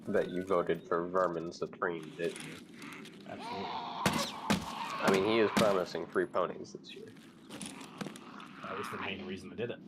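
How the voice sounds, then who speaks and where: A man's voice: sits low, steady tone, normal speed, long pauses, very noisy. A man making casual, off-hand banter in a dry, joking way.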